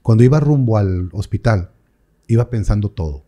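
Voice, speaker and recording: Man, priest, warm mellow voice, emotional storytelling in interview. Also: lowish voice, expressive, normal speed. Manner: talks with feeling, voice rising and breaking at moments, quoting others.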